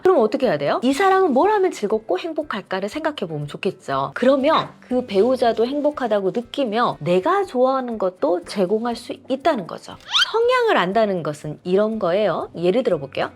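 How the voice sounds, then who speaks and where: A middle-aged woman counselor giving marriage advice, acting out couples' quarrels in quoted voices. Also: fairly high pitch. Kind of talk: advice lecture to camera.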